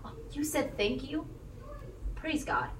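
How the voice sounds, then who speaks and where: A woman in her thirties preaching a sermon in a casual, animated way, with sudden excited shouts. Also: high-pitched, slow pace, slight background noise. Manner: animated, conversational, bursts of shouting. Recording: echoey room heard from a distance.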